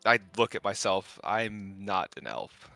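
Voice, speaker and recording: A man's voice: lowish voice, sing-song, measured pace, vocal fry, bright, forceful tone, no room sound, soft background music. A man playing a tabletop game, asking the game master dry, pointed questions. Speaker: player. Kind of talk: tabletop role-play.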